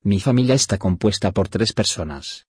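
A man reading short phrases one by one for a language lesson, slow and even. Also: on the low side, husky, no echo, clean studio sound. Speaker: phrase reader.

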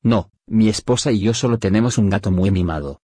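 A man reading short phrases one by one for a language lesson, slow and even. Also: on the low side, husky, dry recording, studio quality. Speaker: phrase reader.

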